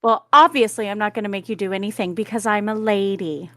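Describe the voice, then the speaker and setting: A woman's voice: mid-range voice, brisk, bright, forceful tone, no room sound. A woman playing a tabletop role-playing game, speaking in character in a prim, indignant way. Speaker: tabletop player. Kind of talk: in-character play.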